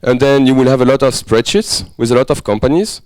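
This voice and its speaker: A man with a French accent runs a business workshop in a workshop room, speaking casually in a medium-pitched, darkish voice at a fairly quick pace. He is friendly and conversational and keeps checking that the group is following. The audio is poor but has no echo.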